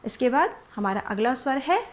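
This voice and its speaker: A young woman teaching a nursery class, speaking patiently and repeating words slowly so children can follow. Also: high voice, expressive. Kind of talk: nursery Hindi lesson.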